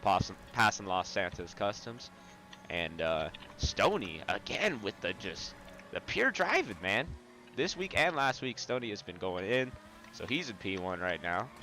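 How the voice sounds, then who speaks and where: A man hosting a racing video, talking casually over the gameplay with a relaxed, rambling delivery full of ums. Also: on the low side, unhurried, slight background noise. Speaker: racing video host and commentator. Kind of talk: casual race commentary.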